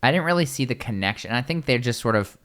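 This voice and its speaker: A man hosting a casual podcast, rambling with quick asides and restarts. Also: medium pitch, expressive, a bit bright. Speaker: podcast host.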